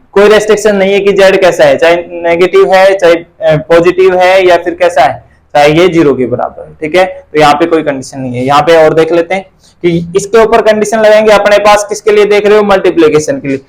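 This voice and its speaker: A man's voice: high voice, a little fast, rough recording. A man teaching a math class, asking and answering his own questions and repeating the key terms.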